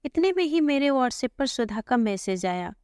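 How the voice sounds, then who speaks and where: A woman narrating a first-person family story in a gentle, conversational way, voicing the dialogue in her own tone. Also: sits high, big pitch swings, measured pace, no echo, clean studio sound.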